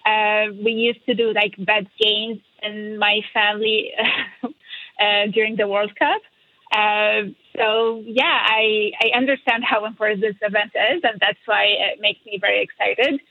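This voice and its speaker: A woman from Syria, a radio show producer, talking in a halting, filler-heavy way with frequent giggles. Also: medium pitch, steady tone, no room sound. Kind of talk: phone-in radio interview. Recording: tinny phone line.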